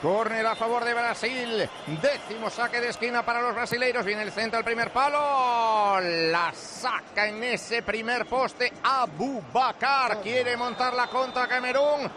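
A man doing live play-by-play football commentary for radio, with rapid, rising calls as the action builds. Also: very high-pitched, noisy background.

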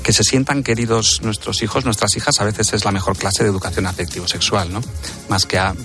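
A man giving his view in a radio discussion, quick and thinking aloud with restarts and tag questions. His voice is low, with faint music behind. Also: fairly even intonation, pushed and bright.

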